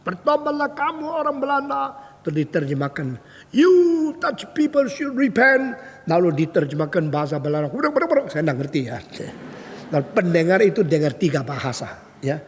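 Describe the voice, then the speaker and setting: A man preaching a sermon as a pastor, telling a story with animated delivery. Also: a little high. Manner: animated storytelling, acting out quoted voices. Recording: long hall reverb.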